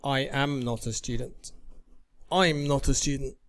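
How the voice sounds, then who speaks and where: A man working through a beginner English lesson, reading each drill sentence slowly and deliberately. His pitch sits in an ordinary middle range. He paces himself for learners. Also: fairly even intonation, fairly bright tone. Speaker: English teacher. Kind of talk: slow, careful lesson reading.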